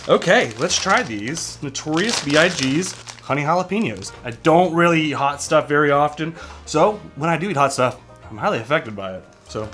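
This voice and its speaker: A man's voice: fairly high pitch, a bit bright. A man in his thirties chatting casually to camera as a snack reviewer, munching on crunchy chips between phrases. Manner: eating crunchy chips while talking, with appreciative mmms. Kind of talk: casual chat to camera while tasting. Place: small indoor room at home.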